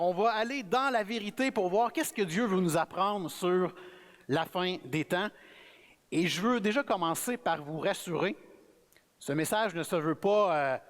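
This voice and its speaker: A man with a Québécois French accent, preaching as a guest speaker in a relaxed, friendly, conversational sermon. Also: sits high. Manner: relaxed, friendly, self-effacing. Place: church sanctuary. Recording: reverberant church hall.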